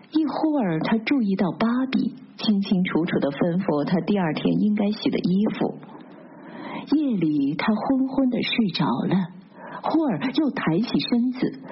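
A woman's voice: mid-range voice, slightly rough. Woman reading a novel, lo-fi sound. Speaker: audiobook narrator. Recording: dull lo-fi recording.

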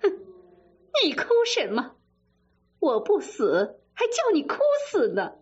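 A woman storyteller voicing a proud, sharp-tongued young noblewoman in her twenties, high and commanding. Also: big pitch swings, takes it slowly, heavily acted. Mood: teasing. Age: 20s. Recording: dull lo-fi sound with faint music.

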